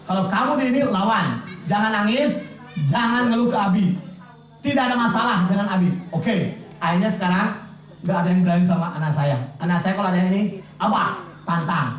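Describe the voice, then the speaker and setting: A man giving a parenting talk to parents, animated and checking in with the audience through quick questions. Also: high voice. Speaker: parenting speaker. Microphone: distant from the mic. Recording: echoey hall, distant mic.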